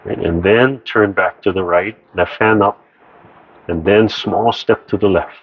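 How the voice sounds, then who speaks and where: Calm low-voiced man giving serene tai chi cues. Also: unhurried, breathy edge. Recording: dull, muffled audio with background noise.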